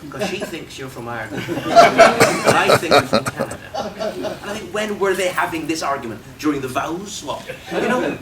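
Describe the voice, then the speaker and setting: A man's voice: a little high, huge pitch swings, normal speed, over a noisy crowd. A man from Barbados with a Barbadian accent, a vicar giving a humorous talk to a club audience with quoted voices. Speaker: guest speaker and vicar. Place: club meeting room. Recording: distant mic, faint background noise.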